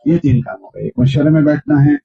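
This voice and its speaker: A man's voice: on the high side, a little fast, gravelly, a little hiss or hum. A man preaching to students, often asking the crowd questions and acting out imagined talk. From India. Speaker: Islamic preacher. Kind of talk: sermon to students. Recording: muffled lo-fi recording.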